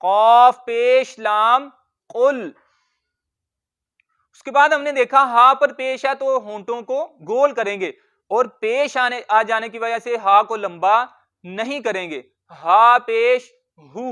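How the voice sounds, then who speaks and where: A man teaching Quran reading in a word-by-word tajweed lesson, patiently explaining rules and slowly sounding out letters and words. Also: very high-pitched, bright, forceful tone, smooth.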